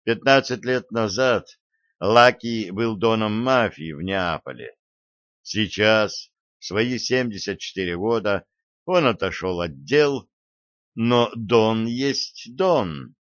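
Male audiobook narrator, slow measured read, lowish voice, dull dry lo-fi sound. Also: a bit bright, no echo. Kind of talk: scripted narration.

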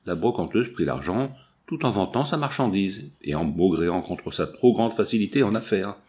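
A man narrating a classic novel as an audiobook, with slow, measured phrasing. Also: low-pitched, lively intonation, darkish tone.

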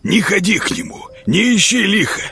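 Man doing a whiny excitable miller. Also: high-pitched, normal speed, vocal fry, a little hiss or hum, pitched above the performer's own voice, exaggerated voice. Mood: urgent warning. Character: frightened, chattering male village miller.

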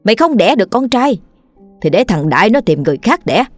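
A woman's voice: medium pitch, lively intonation, a little fast, no echo, soft background music, close to an everyday voice. A woman voicing a harsh, scornful older mother-in-law who berates her daughter-in-law, in a narrated ghost story. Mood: cruel.

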